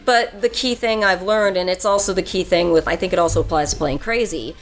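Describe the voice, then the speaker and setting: Lady voice actor at a con interview, lowish voice, gets animated, acts out quotes, faint music behind. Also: fairly quick. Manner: animated, talks at length with acted-out quotes. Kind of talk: convention interview chat. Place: convention interview room.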